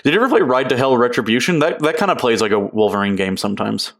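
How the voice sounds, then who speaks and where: A man's voice: medium pitch, lively intonation, fast talker, creaky, a bit bright. A man co-hosting a casual gaming podcast, talking loosely and laughing often. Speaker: podcast co-host.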